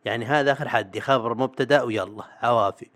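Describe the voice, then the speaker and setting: A young man rattles through a casual monologue at high speed. His middle-pitched voice is animated and sarcastic, and he often stops to restart a phrase or drop in a filler. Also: fast. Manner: animated and sarcastic, acts out other people's voices.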